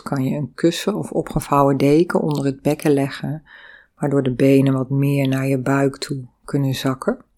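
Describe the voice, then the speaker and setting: A woman guiding a lying-down breathing and movement exercise, speaking calmly and humming drawn-out vowel sounds between instructions. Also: rumbling low. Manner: calm, slow guiding with sung vowel sounds. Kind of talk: guided breathing and body exercise.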